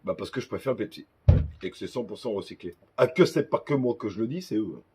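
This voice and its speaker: A man's voice: lowish voice, expressive, fast talker, darkish tone, husky. A young man talking casually in a gear-advice vlog, chatty and joking with crude asides. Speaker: fishing vlogger.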